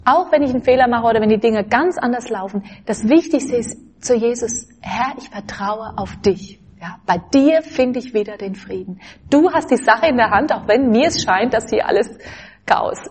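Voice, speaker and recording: A woman giving an earnest spiritual talk, quoting saints and scripture in a gentle way. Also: on the high side, expressive, moderate pace, slight background noise. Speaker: religious speaker.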